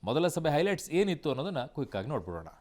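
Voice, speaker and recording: A man's voice: fairly high pitch, very animated, very fast, darkish tone. A man presenting news as a co-anchor and prompting the senior anchor with short questions. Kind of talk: news presenting and studio chat. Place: TV news studio.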